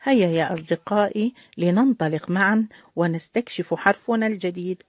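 A woman teaching a recorded preschool phonics lesson, sounding out letters slowly for young children. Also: fairly low pitch. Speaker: kindergarten Arabic teacher.

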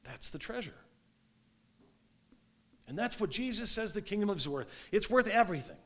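A man in his thirties preaches a sermon in a small church sanctuary, his voice sitting high for a man and leaping around with lively expression. He gestures as he speaks and swings between loud emphatic bursts and soft, dropped endings. The camera catches him from a middle distance. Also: moderate pace. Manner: gestures while preaching standing up. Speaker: pastor. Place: small church sanctuary with stone fireplace, indoors.

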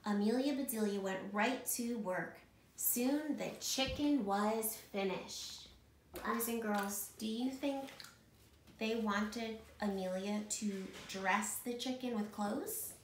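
A woman school principal reading a picture book aloud to children in a warm, expressive way. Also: on the high side, slow, roomy sound, slight background noise.

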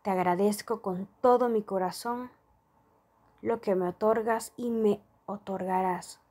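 Slow, soft-spoken woman reading a prayer. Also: medium pitch, fairly even intonation. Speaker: prayer reader. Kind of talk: slow guided prayer and affirmations.

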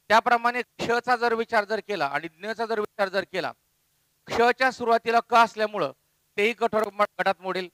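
A man teaching a grammar lesson, explaining step by step and repeating letters slowly. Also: high-pitched, pushed and bright, no echo, poor audio.

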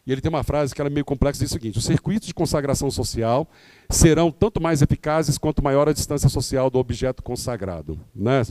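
A Brazilian man with a mid-range voice delivers an explanatory lecture to candidates about campaigns, speaking fast with lively intonation and a warm tone. His Brazilian Portuguese speech is full of fillers and tag questions, and the recording is dry.

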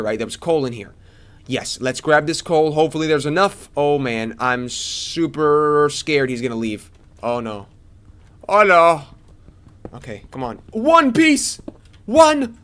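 A young man giving casual commentary as he plays a game, chatty and excitable, talking to the characters on screen. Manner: excitable, jumps to high squeals. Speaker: let's play gamer.

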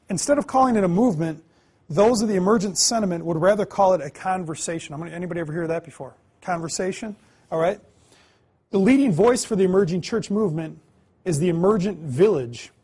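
Man in his 30s, classroom lecturer; high, husky voice, earnest, quizzes the room. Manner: earnest, asks the class questions, swings between loud emphasis and quiet asides. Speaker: Bible class teacher. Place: classroom, indoors.

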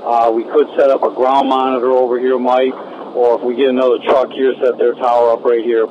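A man's voice: mid-range voice, level tone, a little fast. Male firefighter on muffled, urgent radio. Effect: two-way radio. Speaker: firefighter reporting to the chief. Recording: dull radio with faint noise.

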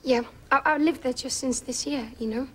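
A young Icelandic woman, appearing as a musician guest in a late-night TV studio, chats in a casual talk-show interview with an Icelandic accent. She's hesitant and dreamy, saying "kinda" a lot, in a high, husky voice at normal speed.

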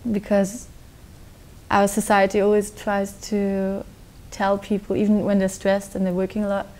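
A young woman from Austria answering interview questions in a relaxed, rambling way, full of likes and restarts, recorded in a dark studio. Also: mid-range voice, moderate pace, poor audio. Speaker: guest musician. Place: dark television studio set.

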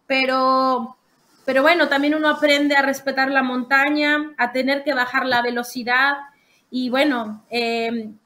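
A woman's voice: high voice, bright, forceful tone. A young adult woman with a Mexican accent, a podcast guest explaining her long walk at length with many restarts. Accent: Mexican Spanish. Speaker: guest, long-distance walker. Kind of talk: casual podcast interview.

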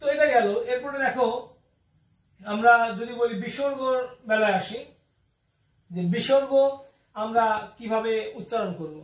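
A man's voice: very high-pitched, a little slow, pauses often. A man teaching a Bangla grammar lesson. He keeps asking his students questions and answering them himself. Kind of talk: classroom lesson. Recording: echoey room, voice from far off the mic.

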